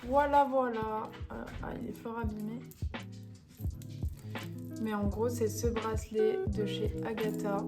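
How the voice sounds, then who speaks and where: A woman's voice: fairly high pitch, fairly even intonation, unhurried, pauses often. A young woman chatting casually at home in a vlog, upbeat and full of fillers. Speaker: vlogger. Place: home rooms, indoors. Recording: loud background music.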